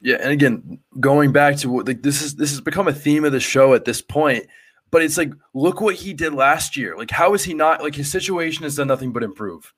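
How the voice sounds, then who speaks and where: A man's voice: on the high side, brisk, breathy edge. A man hosting a casual podcast interview, talking in a loose, rambling way with lots of fillers. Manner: loose and rambling, full of "like" and "you know" fillers. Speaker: podcast host.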